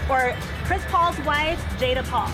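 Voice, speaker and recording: A woman's voice: high voice, a little slow. A woman working as a TV host, chatty and opinionated, moving between upbeat commentary and interviews. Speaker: TV host and red carpet reporter. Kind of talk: red carpet interviewing and upbeat panel commentary. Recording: music behind the voice. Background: music.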